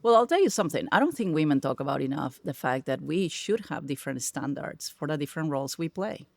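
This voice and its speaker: A middle-aged tech executive from Peru, a native Spanish speaker with a Spanish accent, is a guest on a podcast in a casual interview. Her low, slightly gravelly voice moves quickly as she tells stories with animated, emphatic energy. The sound is dry and close, with no echo.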